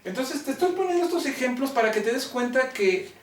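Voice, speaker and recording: A man with a Mexican accent teaching a logic class, talking deliberately and constantly checking that students follow. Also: very high-pitched, lively intonation, a little hiss or hum. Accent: Mexican Spanish. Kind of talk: classroom lecture. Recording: roomy classroom, mic far off.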